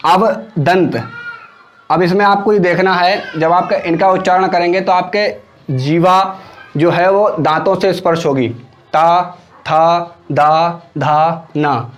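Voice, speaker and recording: Male teacher sounding out syllables slowly. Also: sits high, faint music behind. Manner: explains slowly, repeating syllables aloud for students to copy. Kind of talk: exam-prep grammar lesson.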